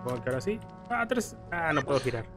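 This Mexican-accented gaming creator speaks quickly in a medium-pitched, sing-song voice while playing a video game with its music in the background. He keeps things casual and jokey, with playful exclamations.

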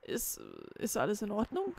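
A woman's voice: on the high side, very animated, normal speed, darkish tone, breathy edge, no echo. A woman voicing a tired, guilt-ridden young man in a game, reading in her own voice. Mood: weary.

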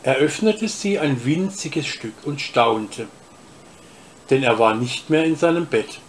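A man reads a children's story aloud at an unhurried, deliberate pace. His voice sits at an ordinary middle pitch. The telling is calm and even. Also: a little hiss or hum. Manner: slow, deliberate reading. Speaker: reader of a story.

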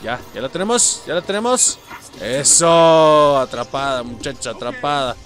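A man with a Mexican accent giving excited let's-play commentary, yelping, swearing and talking to his viewers. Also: fairly high pitch, a little slow, faint music behind. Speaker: gameplay streamer.

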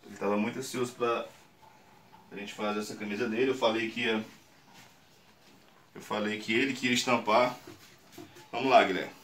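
A man's voice: fairly low pitch, steady tone, normal speed, pauses often, a bit bright. Brazilian man, 30s, workshop tutorial host; patient and coaxing, recorded at a distance in a bare, echoing room with faint hiss. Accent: Brazilian Portuguese. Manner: patient, coaxing, explains step by step with frequent "tá?". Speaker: screen printing channel host. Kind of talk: casual how-to demonstration. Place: small indoor print workshop. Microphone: camera on a tripod a few meters away. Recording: roomy, distant camera mic with faint noise.

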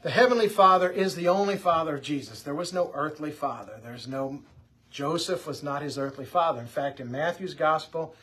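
A man, a pastor, teaching about the Bible in a relaxed, conversational way, often restarting his sentences. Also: medium pitch, breathy edge. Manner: conversational, with frequent restarts and fillers.

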